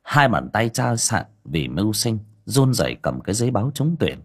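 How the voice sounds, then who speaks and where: A man narrating an audiobook in a dramatic, expressive way. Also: on the low side, moderate pace, slightly rough. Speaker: storyteller.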